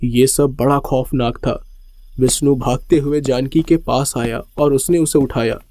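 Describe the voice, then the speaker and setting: A man narrating a horror story in a steady, suspenseful way. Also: mid-range voice, a little slow.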